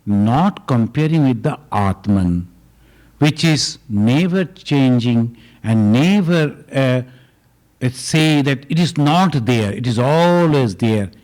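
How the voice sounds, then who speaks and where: A man, a swami, answering questions at a retreat in a slow, deliberate way, often chuckling as he explains. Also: medium pitch, a little mellow. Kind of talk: spiritual Q&A talk. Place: retreat gathering hall.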